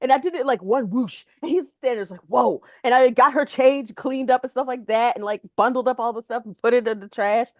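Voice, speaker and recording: Woman podcast co-host, casual chat, animated storyteller, fairly high voice, dry close sound. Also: a little fast, hardly any pauses, no room sound. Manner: animated storyteller, laughs often.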